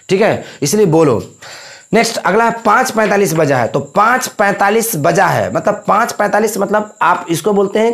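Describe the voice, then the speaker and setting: A man with a high-pitched voice teaches a spoken English lesson, explaining in Hindi. He goes over each point several times and keeps checking that his students follow. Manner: repetitive, explaining with frequent check-ins.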